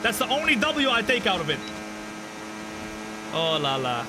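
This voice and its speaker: Man, 25, high voice, game streamer, jokey chat, race commentary, loud engine noise behind. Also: very animated, moderate pace. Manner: joking, chatty, greets viewers. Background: racing car engine sounds.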